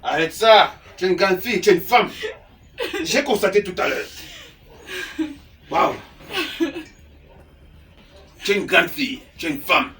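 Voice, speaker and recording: An actor playing a lecherous, manipulative middle-aged uncle, insistent and wheedling. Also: male voice, high-pitched, animated, unhurried, pauses often, pushed and bright, full character voice. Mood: pushy. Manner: insistent, wheedling, keeps tagging "hein?". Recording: distant mic with background music.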